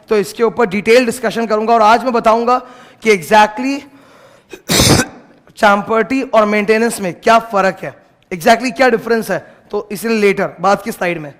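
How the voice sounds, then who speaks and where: A man's voice: high-pitched, fairly bright tone. A man teaching law to a class in a casual lecture, stopping at times to scold the noisy students. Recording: long hall reverb.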